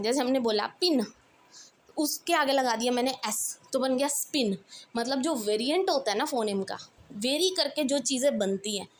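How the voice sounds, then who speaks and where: A woman English teacher, giving a brisk exam revision lesson that mixes Hindi and English and checks in often with her students. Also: sits high, slight background noise.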